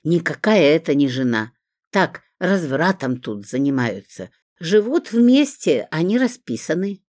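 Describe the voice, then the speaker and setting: A woman voicing a quarrelsome, coarse female neighbor who yells and scolds. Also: deep voice, very animated, measured pace, no echo, studio quality, full character voice. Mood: scolding.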